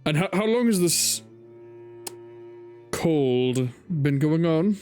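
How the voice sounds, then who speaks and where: A man playing a tabletop role-playing game, improvising dialogue in a measured, hesitant and fairly formal way. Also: fairly high pitch, animated, a little mellow, soft background music.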